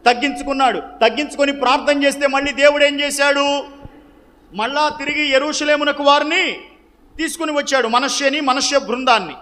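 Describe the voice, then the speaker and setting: A man with a very high, bright, forceful voice leads a question-and-answer Bible teaching. He quizzes the listeners, supplies the answers himself and repeats key phrases to drive them home. His voice rings out with the long reverb of a large hall. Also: steady tone, a little fast.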